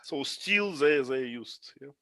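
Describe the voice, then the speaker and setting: A man leading a casual class discussion on a video call, often pausing and searching for words. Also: medium pitch, animated, fairly bright tone, dry recording. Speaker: discussion leader.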